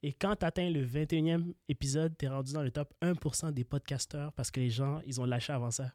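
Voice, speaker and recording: Recorded with studio quality and no echo, this podcast host has a slightly high, steady, and a little mellow voice, speaking a little fast with a Québécois accent. It's a casual late-night couple's chat; he's a bit tired, joking, stammering, and playfully boasting.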